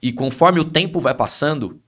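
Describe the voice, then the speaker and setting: A man's voice: on the high side, normal speed, a bit bright. A man with a Brazilian Portuguese accent, an itinerant pastor telling ministry stories in a podcast conversation.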